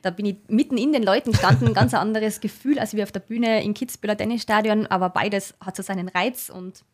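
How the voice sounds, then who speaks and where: Tyrolean lady singer chatting away fast, cheerful and modest. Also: mid-range voice. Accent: Austrian, Tyrolean. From Tyrol, Austria. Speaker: singer, interview guest. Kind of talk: casual interview chat.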